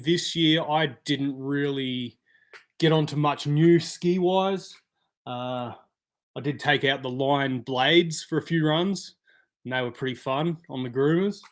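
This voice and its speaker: Male streamer, slightly higher voice, easygoing chat replying to viewers. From Australia. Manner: chatty, answers viewer comments by name. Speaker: live stream host. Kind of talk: casual live stream chat.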